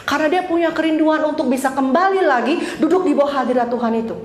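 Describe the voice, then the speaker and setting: A woman teaching a church class, telling personal stories in a lively, self-mocking way and laughing often. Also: high voice, fast, roomy sound, slight background noise. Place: church hall.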